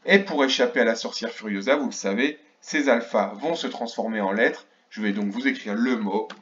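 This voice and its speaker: A man's voice: mid-range voice, normal speed, a bit bright. A man teaching young children in a remote lesson, counting aloud and sounding out syllables carefully. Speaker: kindergarten teacher. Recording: dull lo-fi recording.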